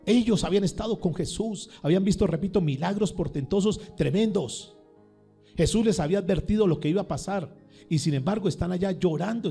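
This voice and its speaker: Gravelly pastor preaching. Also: male voice, a little high, mellow. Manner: questioning the congregation, emphatic, repeats words. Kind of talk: sermon.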